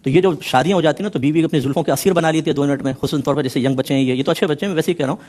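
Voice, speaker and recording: A man's voice: on the high side, a little mellow. A man speaking as an Islamic scholar, explaining a verse in earnest with teasing asides and stray English words. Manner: mixes English words into his talk. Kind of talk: religious discourse explaining a Quran verse.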